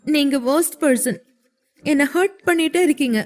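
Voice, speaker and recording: A woman voicing a hurt young wife in an audio story, who snaps and cries in sharp, weepy outbursts. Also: high voice, moderate pace, soft background music, pitched above the performer's own voice, natural voice. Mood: tearful.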